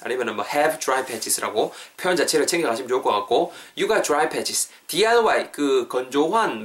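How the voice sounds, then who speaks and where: A man hosting a podcast English lesson. He repeats English phrases slowly and explains them quickly. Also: medium pitch, fairly bright tone. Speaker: English teacher, podcast host.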